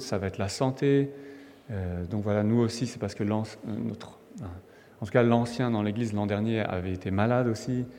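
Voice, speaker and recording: A man's voice: mid-range voice, darkish tone, a little hiss or hum. A man from France preaching a sermon in a conversational, emphatic way, with restarts and fillers. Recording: long hall reverb.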